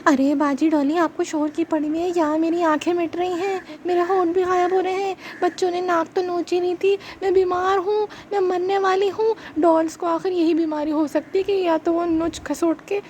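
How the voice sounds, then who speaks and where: A shrill, whiny little girl doll, as a woman puts her on, wailing and pleading in an overdramatic children's puppet show. Her voice sits very high and strains upward. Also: little pitch movement, normal speed, few pauses, a little mellow, slight background noise. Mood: panicky.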